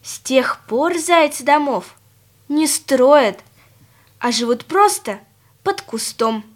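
A woman narrating a children's fairy tale in a gentle, expressive storytelling manner. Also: sits high, takes it slowly.

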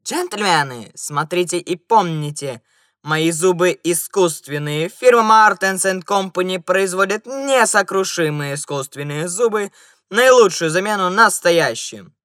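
A man reading an audiobook and voicing a calm gentleman in a soft hat who answers curtly and slowly. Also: high voice, no room sound, clean studio sound, voice pushed up. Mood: announcing. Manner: cool, dismissive, slow replies.

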